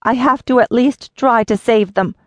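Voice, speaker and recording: A woman's voice: a little high, normal speed, no room sound, pitched above the performer's own voice, natural voice. A woman narrator voicing a commanding, compassionate young Fey queen, her speech urgent and raised. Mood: pleading.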